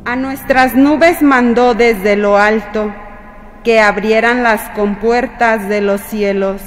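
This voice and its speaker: A woman recites psalm verses slowly, with a fairly high voice. Long cathedral reverb surrounds her, over a faint room ambience. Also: steady tone. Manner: slow, measured recitation. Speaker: psalm reader.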